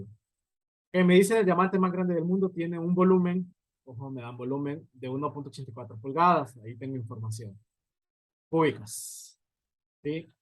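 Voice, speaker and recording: This is a board lecture on physics by a man whose voice is a little high. The audio is poor and dry, and he explains things in sequence while frequently checking in with his students.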